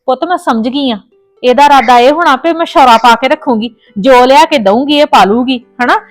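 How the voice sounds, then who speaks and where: A woman's voice: sits high, a little fast, no room sound, faint music behind, lightly acted. A woman playing a worried, fiercely protective mother with a Punjabi accent, soothing her daughter and scolding the in-laws. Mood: soothing, indignant. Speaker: mother on the phone. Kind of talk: family drama acting.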